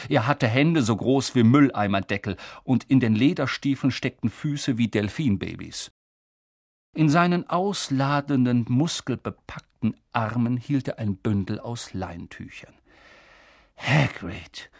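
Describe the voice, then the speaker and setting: Guy reading a storybook aloud, calm and even, slow, husky gravelly voice, dry sound. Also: medium pitch, no echo. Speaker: audiobook narrator. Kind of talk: scripted narration.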